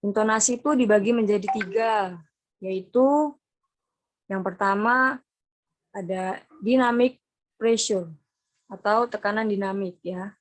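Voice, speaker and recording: A young woman with an Indonesian accent presenting an online class lesson over a video call, explaining slowly and repeating key terms. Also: medium pitch. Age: young adult. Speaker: student presenter.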